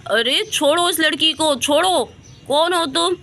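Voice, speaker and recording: Brief: woman doing a firm, caring young village man in a storybook tale, bright voice. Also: sits high, a little slow, voice pushed up.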